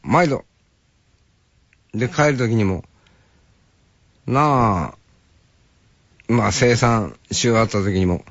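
An older man with a Hokkaido accent hosts a radio show, drawling slowly through a relaxed, musing monologue. He chats half to himself and drops playful imitations of greetings. The sound is dull and lo-fi, close and dry, like an old broadcast. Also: lowish voice, dry recording. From Hokkaido, Japan. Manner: slow, musing, talks to himself and mimics greetings. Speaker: radio host.

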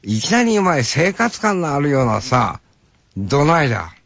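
A man's voice: fairly high pitch, very animated, moderate pace, vocal fry, a bit bright, dry recording. An older man from Hokkaido with a Hokkaido accent, a radio host musing to himself in a casual monologue and mimicking greetings. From Hokkaido, Japan. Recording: dull lo-fi broadcast sound.

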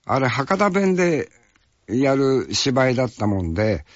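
A man from Fukuoka who works as an actor recalls a film shoot in casual, unhurried storytelling. He speaks in a rough, folksy way and keeps adding little tag questions. The recording is dry and slightly muffled. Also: medium pitch, sing-song, dry recording.

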